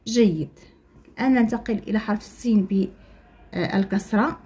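A young Moroccan woman teaching young children to write letters, slowly stretching out syllables and repeating them for the class to copy. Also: mid-range voice, warm tone, husky. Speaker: primary school teacher. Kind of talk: slow, patient handwriting lesson for young children.

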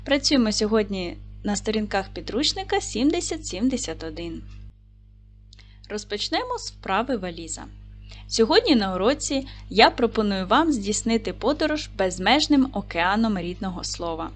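A woman teaching a recorded lesson for primary school children, speaking clearly and patiently to the class. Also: medium pitch, sing-song, normal speed, faint music behind.

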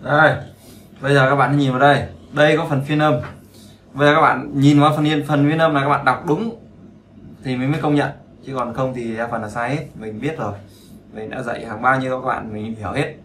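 A man's voice: mid-range voice, steady tone, a bit bright, a little hiss or hum. Chatty male English teacher, echoey room. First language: Vietnamese. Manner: chatty and teasing, repeats words slowly to drill them. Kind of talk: casual spoken lesson.

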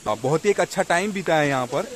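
A man's voice: a little high, lively intonation, quick pace. A young man narrating a travel vlog at a rocky waterfall, chatting and showing viewers around, with a phone camera held at arm's length. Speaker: vlogger. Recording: outdoor noise behind.

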